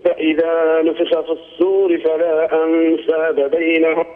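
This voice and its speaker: A male student reciting scripture slowly and melodically over a phone line for his teacher. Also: a little high, flat delivery. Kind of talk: slow melodic Quran recitation. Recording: tinny phone line with reverb.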